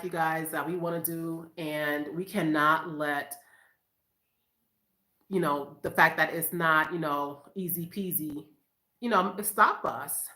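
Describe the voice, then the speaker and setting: Woman from boston, live-stream chat, upbeat and chatty, lowish bright voice, echoey room. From Boston, USA. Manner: chatty and upbeat, often laughing, addresses viewers as you guys. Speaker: live-stream vlogger, mother of five. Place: at home, in her room.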